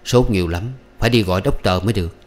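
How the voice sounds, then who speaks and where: A man reading aloud, voicing a calm young man who speaks reassuringly. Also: low voice, rapid-fire, lightly acted.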